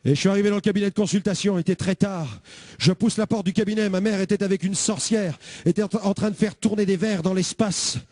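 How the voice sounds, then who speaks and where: Tell it big: a high-pitched preacher sharing his testimony, bursts of shouting, dry sound. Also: fast, no room sound. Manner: animated storytelling, bursts of shouting. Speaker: evangelist. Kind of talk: testimony sermon.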